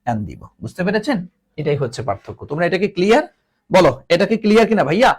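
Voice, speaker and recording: A man's voice: high voice, sing-song, very fast. A man teaching an English grammar class, repeating each word and teasingly scolding his students. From Bangladesh.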